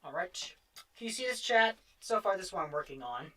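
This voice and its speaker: A woman chats casually on a livestream, her thoughts wandering as she works. Her voice is on the low side with a crisp, bright edge. She sounds a little distant from the microphone. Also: big pitch swings, brisk. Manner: rambling, jumps between thoughts. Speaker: livestream host painting on stream. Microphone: streaming setup.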